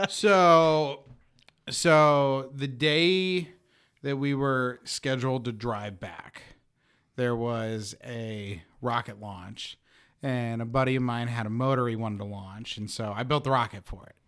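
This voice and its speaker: Slow-talking man with a smooth voice. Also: medium pitch, fairly even intonation, a bit bright. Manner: laughs while telling stories, restarts and fillers. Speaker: podcast guest. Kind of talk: casual conversation, storytelling.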